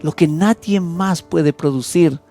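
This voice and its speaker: A man with a Peruvian accent preaching an evangelistic sermon as a pastor, telling the story with dramatic swings between loud and soft. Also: slow pace, creaky, soft background music. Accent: Peruvian Spanish. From Peru. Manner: emotive, dramatic storytelling with wide swings in pitch and loudness.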